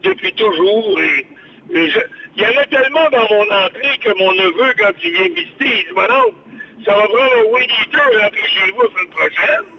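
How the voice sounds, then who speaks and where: A man's voice: high voice, expressive, normal speed. An older man with a Québécois French accent, chatting expansively on the radio by phone and repeating his words. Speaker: radio show host on the phone. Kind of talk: casual radio chat. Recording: dull lo-fi phone line with faint noise.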